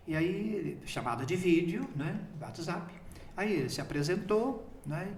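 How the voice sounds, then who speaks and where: A priest in his fifties tells his story in a relaxed, chatty way. His voice sits a little high for a man. It echoes around the room he is recorded in. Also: measured pace, a little hiss or hum. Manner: chatty storytelling, often breaking into laughter. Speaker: priest named bishop. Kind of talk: recounting a personal story in an interview.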